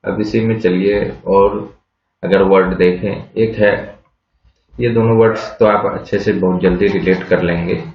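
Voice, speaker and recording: Slow, patient man teaching vocabulary. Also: deep voice, fairly even intonation. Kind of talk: slow classroom explanation of root words. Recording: echoey, dull lo-fi room sound.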